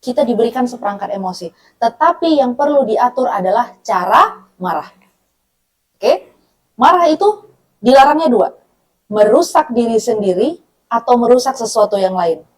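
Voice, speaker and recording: A woman's voice: fairly high pitch, expressive, normal speed, long pauses, darkish tone. A woman from North Sumatra giving a conversational religious talk to women, often checking in with her listeners and acting out dialogue. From North Sumatra, Batak. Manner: acts out dialogue, laughs often. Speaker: Islamic women's study speaker.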